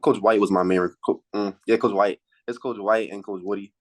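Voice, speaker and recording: Male, late teens, student athlete. Lowish voice, casual interview answers, halting delivery with repeated words. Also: steady tone. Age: late teens, high school senior.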